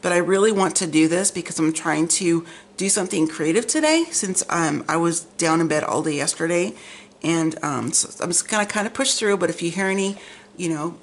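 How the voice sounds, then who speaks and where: Low-voiced chatty woman with numb-mouthed articulation. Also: moderate pace. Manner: slightly effortful articulation from a numb half of the face, like numb from the dentist. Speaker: vlog host. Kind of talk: chatty magazine flip-through. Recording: clear background noise, room ambience.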